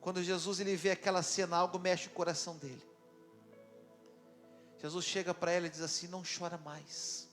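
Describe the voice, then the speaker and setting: Male pastor, very high voice, dramatic conversational sermon. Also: little pitch movement, brisk, pauses often, a bit bright, faint music behind. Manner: dramatic, conversational, with questions to the congregation. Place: church.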